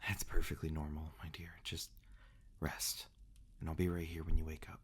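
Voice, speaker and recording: Playing a reclusive vampire for a close-up ASMR fantasy roleplay, a man commits fully to the character with a low, slightly rough voice and a level tone. His soft, halting murmur is protective, tender and soothing.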